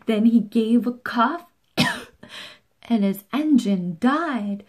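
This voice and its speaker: Slow, lively woman reading aloud. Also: fairly high pitch, husky. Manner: animated, playful, slow and expressive. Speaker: storybook reader. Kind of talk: children's read-aloud.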